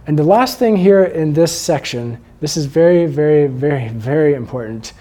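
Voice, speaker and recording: A man talks through a lesson in a calm, earnest manner. His voice is warm and low in tone, and he often slows down and quiets to let an idea land. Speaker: sex educator. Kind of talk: instructional talk.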